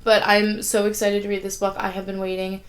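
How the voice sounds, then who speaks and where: Sniffly and nursing a sore throat, a young adult writing vlogger rambles through a casual at-home vlog chat indoors, peppering it with frequent "like" fillers. Her mid-range voice is fairly quick but completely flat in delivery. She is chatty even while a bit under the weather.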